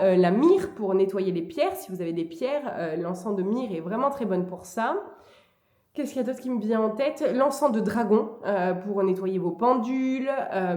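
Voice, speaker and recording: A woman's voice: medium pitch, mellow. Chatty woman vlogging in an echoey room. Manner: chatty and hesitant, with frequent pauses. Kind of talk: casual spiritual advice vlog.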